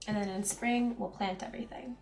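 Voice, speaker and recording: A woman's voice: mid-range voice, fairly even intonation, brisk, creaky, roomy sound, faint music behind. A young woman from Canada with a central Canadian accent, chatting casually with her viewers while playing a farming game. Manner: chatty, reads chat aloud, giggly asides. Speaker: streamer. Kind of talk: casual gameplay chat.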